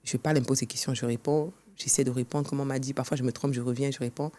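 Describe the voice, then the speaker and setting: A woman's voice: a bass voice, fairly even intonation, very fast, mellow. A woman guest telling her own story in an interview, earnest and acting out past conversations, recorded on a podcast studio set. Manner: earnest, acts out past dialogue. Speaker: guest author.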